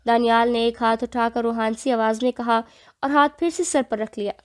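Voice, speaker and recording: A woman narrating an audio novel with steady storytelling delivery. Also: fairly high pitch.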